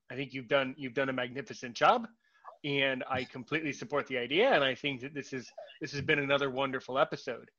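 A man hosting a podcast, talking casually with a guest, halting and repeating his words with many fillers. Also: medium pitch, pushed and bright, lo-fi sound. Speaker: podcast host.

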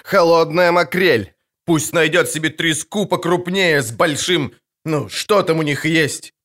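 A haughty, hot-tempered prince who barks orders and insults, voiced by a male audiobook reader. His voice sits a little high and loud with imperious force. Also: normal speed, natural voice. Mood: angry. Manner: barking, imperious. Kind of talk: audiobook character voice.

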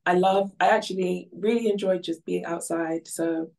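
A woman's voice: on the low side, steady tone, normal speed, gravelly, darkish tone. A woman from Ghana, a guest on a podcast, chatting casually and upbeat with many fillers. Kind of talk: casual interview chat. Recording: distant from the mic.

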